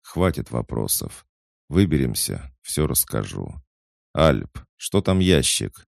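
A man voicing Aivan, a tough male hunter who leads his squad, talking gruffly in curt orders and swearing. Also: a bass voice, very animated, slow, no echo, clean studio sound, heavily acted.

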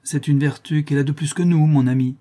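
A man voicing a kindly, cheerful old woman, gentle and easily fretful. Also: a little high, fairly even intonation, a little fast, voice pushed up, close to an everyday voice.

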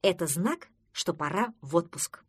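A woman's voice: fairly low pitch, animated, a little slow, slightly rough, dry recording, clean studio sound. Woman doing a patient, explaining male friend. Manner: gentle and explaining. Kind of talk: children's audiobook reading.

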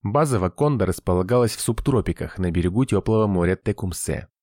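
Low-voiced man narrating an audiobook. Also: animated, brisk, a little mellow, no echo, studio quality.

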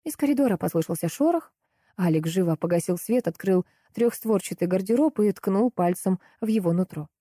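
A woman narrating a novel in first person, reading in a lively, expressive way close to the mic. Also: medium pitch, a little fast, breathy edge, dry recording. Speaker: audiobook narrator.

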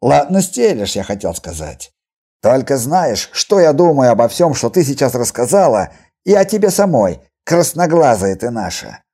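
A man voicing a coarse, jeering male healer in an audiobook, loud and hostile in his delivery. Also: medium pitch, lively intonation, normal speed, few pauses. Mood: mocking.

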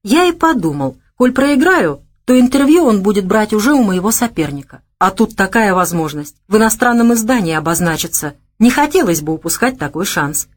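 A woman voicing a tough male fighter who talks in an earnest, deadpan way. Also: medium pitch, a little fast, few pauses, pitched above the performer's own voice.

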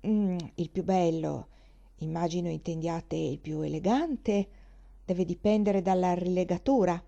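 Woman doing a playful, ironic young gentleman with a mellow tone, storybook reading. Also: on the low side, a little slow, gravelly, dull audio. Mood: teasing. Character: witty teasing young gentleman.

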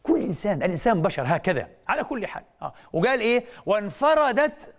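A man's voice: high voice, big pitch swings, very fast, slightly rough. A middle-aged man giving a religious lecture on television, teacherly and emphatic, who keeps asking his audience rhetorical questions. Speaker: Islamic scholar and TV lecturer.

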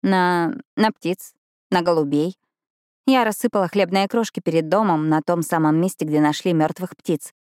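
A woman's voice: fairly low pitch, moderate pace, darkish tone, dry recording, studio quality, close to an everyday voice. A woman reading a stubborn anxious teenage girl. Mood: insistent. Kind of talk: audiobook dialogue reading.

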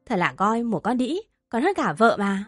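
A woman doing a furious middle-aged rich mother in an audio story, her voice jumping high and loud as she screams insults. She is spiteful and bossy, and the reading is dry and close with faint music underneath. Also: sing-song, moderate pace, no echo. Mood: shrill.

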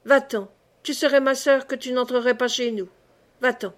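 A woman's voice: sits high, fairly even intonation, normal speed, close to an everyday voice. Woman playing a frightened, harsh village baker. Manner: sharp, loud, fearful refusals.

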